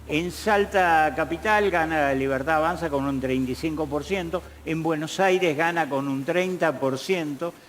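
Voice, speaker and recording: A man's voice: a little high, long reverb tail, a little hiss or hum. A man, a show host asking an analyst questions in a conversational way. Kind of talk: interviewer questions.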